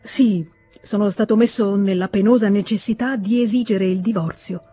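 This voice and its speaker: A woman's voice: medium pitch, fairly even intonation, moderate pace, dark tone, soft background music, natural voice. A woman reading aloud, voicing a cold, stiff, firmly decided middle-aged official.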